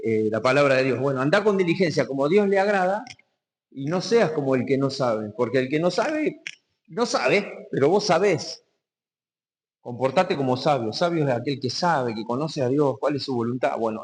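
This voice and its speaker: A man from Argentina with a Rioplatense accent, preaching a sermon to his congregation, asking them questions, and reading verses slowly with emphasis before explaining key words. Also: mid-range voice, animated. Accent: Rioplatense Spanish. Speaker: pastor. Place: community hall. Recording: long hall reverb.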